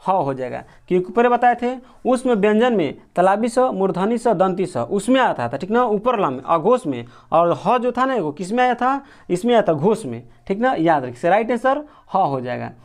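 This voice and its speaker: High pitched guy teacher running thru quiz questions, says the answer then asks it again, very repetitive. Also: very animated, moderate pace, hardly any pauses. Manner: colloquial with regional words like gō. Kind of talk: exam question walkthrough lesson.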